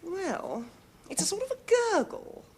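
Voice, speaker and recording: An actress playing a prim, pompous, fussy suburban wife, in the stiffly formal manner of a 1970s sitcom. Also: female voice, very high voice, wildly swooping pitch, unhurried, exaggerated voice. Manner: stiffly formal, easily affronted.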